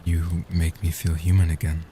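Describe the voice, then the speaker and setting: In a comfort roleplay audio, a man voices a gentle, devoted vampire guardian who has lived for centuries, sounding like a young adult. His very dark, warm voice stays low, hushed and even, slow and deliberate, tender and reassuring, with an intimate, grateful mood. There's slight background noise, and it sounds close to an everyday voice.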